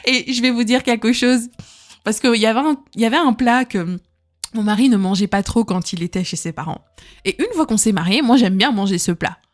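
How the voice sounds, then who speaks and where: Young woman host, chatty and emphatic, slightly high pitch, repeats herself. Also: moderate pace. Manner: emphatic, peppers speech with "hein", repeats words. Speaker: podcast host. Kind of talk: casual advice talk to listeners.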